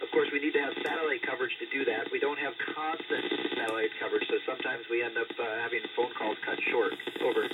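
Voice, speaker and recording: A middle-aged man, an astronaut, answering students' questions over ham radio in an easygoing, plain way, pausing on "uh" and signing off each answer with "Over", heard through a radio transmission with static. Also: medium pitch, steady tone. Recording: distant radio downlink with static hiss.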